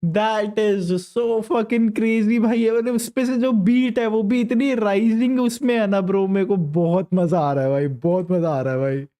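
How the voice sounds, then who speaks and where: A young man streaming live and reacting excitedly, in quick Hindi-English banter. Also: high voice. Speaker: streamer reacting to a diss track. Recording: rap music playing behind.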